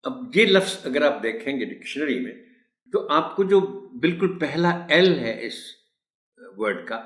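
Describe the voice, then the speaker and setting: A man training teachers in a pronunciation lesson. He explains slowly and patiently and repeats model words. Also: fairly high pitch, big pitch swings, a bit bright. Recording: echoey room.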